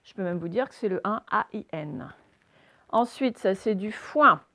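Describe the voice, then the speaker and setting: A woman leads young listeners through phonics, sounding each letter out slowly and deliberately and posing questions to them. Her voice is medium in pitch, expressive, and sharp in tone.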